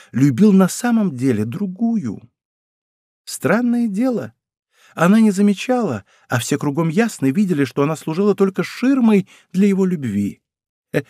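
A man's voice: darkish tone, no room sound, clean studio sound. A man reading an audiobook, voicing a young court lady who speaks with mocking irony. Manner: ironic, chatty, raised pitch. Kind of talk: audiobook character voice.

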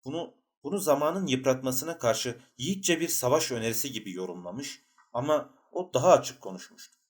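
A man narrating a literary novel as an audiobook, with a measured, even storytelling delivery. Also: mid-range voice, slightly rough.

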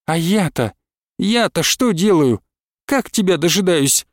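A man's voice: high voice, lively intonation, a little slow, dry recording, studio quality. A man reading aloud and voicing a young village wife who pleads and cries out in anguish. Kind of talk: audiobook character reading.

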